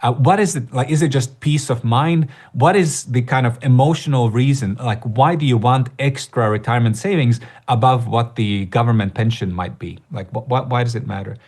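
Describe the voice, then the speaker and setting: A middle-aged Latvian man hosts a live online workshop, presenting conversationally with many fillers and restarts. His medium-pitched, slightly mellow voice moves at a moderate pace with hardly any pauses.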